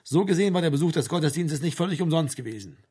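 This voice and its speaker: A man reading an audiobook in a dry, low-key manner. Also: expressive, very fast, warm tone, husky. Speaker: audiobook narrator. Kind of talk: scripted narration.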